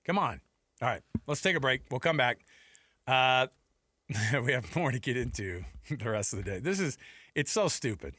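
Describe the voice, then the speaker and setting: Speaking into a close studio headset, this American sports radio host keeps things conversational, tossing in asides and rhetorical questions. He has a medium pitch and lively intonation at normal speed, with long pauses and a bright, forceful tone.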